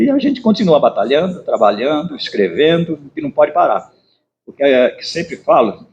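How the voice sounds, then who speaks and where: A man's voice: mid-range voice, darkish tone. Brazilian man, dull noisy recording. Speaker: writer. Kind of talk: informal reminiscing speech. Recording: dull lo-fi recording with background noise.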